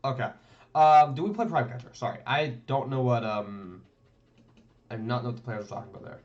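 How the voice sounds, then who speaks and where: A man live-streams commentary over tournament match footage, rambling and thinking aloud and often ending remarks with "right?". His mid-range voice moves a little fast, and the stream audio is dull and lo-fi.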